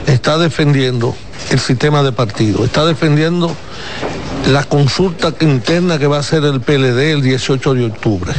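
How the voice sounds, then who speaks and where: A man speaking for a party, explaining its position deliberately to reporters. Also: on the high side, background noise. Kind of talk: press statement.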